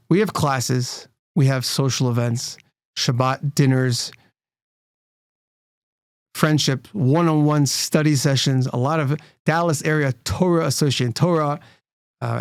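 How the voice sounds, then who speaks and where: Earnest rabbi explaining in a dry studio. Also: male voice, medium pitch, measured pace, smooth, no echo. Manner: earnest, explanatory, with frequent restarts. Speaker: rabbi and nonprofit CEO, guest. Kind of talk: interview conversation.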